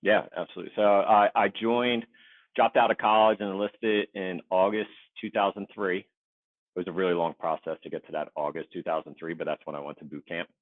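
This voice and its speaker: Low-voiced man on a tinny line. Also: fairly quick, no echo. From Philadelphia suburbs, USA. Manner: relaxed, rambling, self-deprecating. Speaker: guest, Navy veteran. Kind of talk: casual interview chat. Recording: tinny phone-like dry line.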